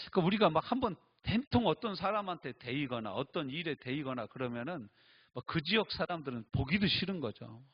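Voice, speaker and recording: A male pastor preaches in a conversational, emphatic way, firing off rhetorical questions. His husky voice sits fairly high and swings widely in pitch. The recording is dull and lo-fi. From Chungcheong, Korea. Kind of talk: sermon.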